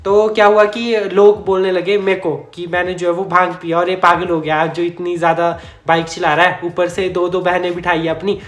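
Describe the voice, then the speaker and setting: High-voiced man telling a rambling story. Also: flat delivery, moderate pace, few pauses, fairly bright tone. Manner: chatty, rambling, self-correcting, chuckles often. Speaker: vlogger. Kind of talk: casual storytime narration. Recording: echoey room.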